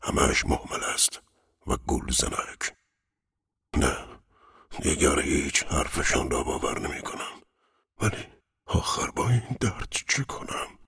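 A man's voice: very deep voice, animated, vocal fry, bright, forceful tone, breathy edge, heavily acted. A man voicing a dying middle-aged man in pain, whispering his inner thoughts and giving curt, weary replies. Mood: whispered despair.

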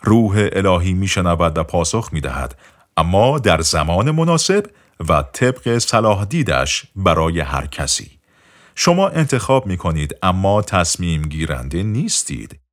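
A man narrating an audiobook in a measured, repetitive way, often letting his voice drop softer at the end of phrases. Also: low voice, sing-song. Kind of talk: scripted narration.

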